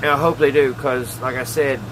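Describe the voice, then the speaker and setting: Working at his bench in a small indoor workshop lined with wood panelling, a middle-aged radio repair hobby host shows off some hands-on tinkering and thinks out loud in a homespun, halting, casual way. His mid-range voice stays steady at a normal speed, with noise audible behind him.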